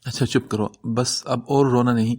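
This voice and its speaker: A man's voice: mid-range voice, steady tone, darkish tone, natural voice. A man reading the part of a bitter, protective middle-aged aunt in a novel, in a scolding manner. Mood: soothing.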